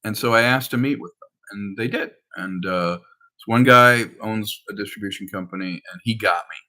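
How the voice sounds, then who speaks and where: Talking casually about his filmmaking work, a director and screenwriter rambles through anecdotes and performs the dialogue he quotes. He speaks at normal speed in a lowish voice that sounds pushed and bright.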